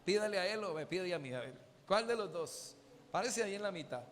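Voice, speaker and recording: Un pastor de voz alta predica en una iglesia con eco largo, haciendo preguntas a la congregación y animándola a responder. Su tono es enérgico y cambiante, y la sala resuena detrás de cada frase. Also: male voice, high-pitched, a little fast, big-room sound. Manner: questioning the congregation, animated preaching. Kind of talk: sermon. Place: church.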